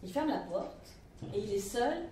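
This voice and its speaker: A female storyteller telling a folk tale in a lively, colloquial way. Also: mid-range voice, a little slow, slight background noise. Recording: roomy live room, mic at a distance.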